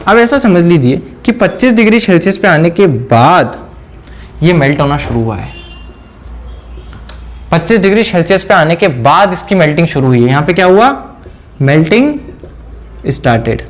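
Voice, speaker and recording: A man teaching a whiteboard science lesson, asking questions and answering them himself, repeating key terms slowly. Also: high-pitched. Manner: mixes in English phrases, repeats key words slowly. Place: indoor room.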